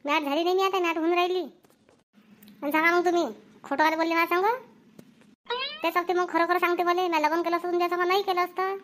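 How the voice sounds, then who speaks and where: A woman's voice: very high voice, flat delivery, fast talker, pauses often, fairly bright tone, a little hiss or hum. A woman voicing an angry, stubborn young daughter-in-law who scolds and quarrels in a cartoon comedy. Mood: scolding.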